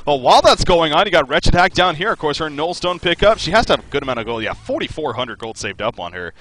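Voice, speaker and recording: A man's voice: fairly high pitch, very animated, fast talker, fairly bright tone, slight background noise, poor audio. A man casting a live game over a voice call, analysing at length with lots of fillers and hedges. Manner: hedging, talkative analysis with many fillers. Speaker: esports caster. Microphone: headset over voice call.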